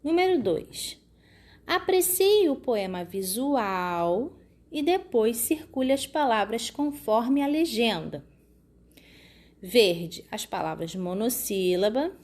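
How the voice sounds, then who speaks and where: A woman teaches a children's lesson at an unhurried pace. Her voice sits a little high, and she pauses to make sure the children follow. She stretches words out slowly as she sounds out their syllables. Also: lively intonation, darkish tone. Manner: slow, patient explaining with frequent "tá?" and "né?" checks. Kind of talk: recorded classroom lesson for children.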